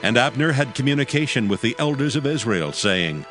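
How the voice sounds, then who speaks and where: A man narrating dramatized scripture from a script in a measured, formal manner. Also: mid-range voice, very animated, fairly bright tone, faint music behind.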